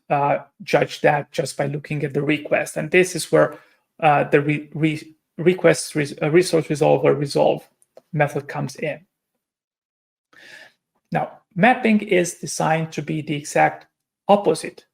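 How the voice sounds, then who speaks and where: A Romanian man gives a technical conference presentation, walking through it step by step. His voice sits on the high side, creaky, with a steady tone and measured pace. He hesitates often and keeps correcting himself.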